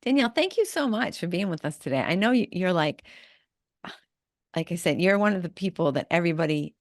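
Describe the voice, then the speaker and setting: A woman's voice: fairly low pitch, animated, brisk, no echo, clean studio sound. A woman hosting a podcast, chatting casually and rambling with frequent restarts. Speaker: podcast host. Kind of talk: casual interview chat.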